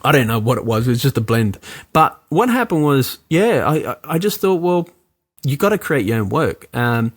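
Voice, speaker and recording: A man, talking casually as an interview guest, animated and full of fillers. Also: mid-range voice, moderate pace. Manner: animated, many fillers, acts out quoted lines. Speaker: actor and producer guest.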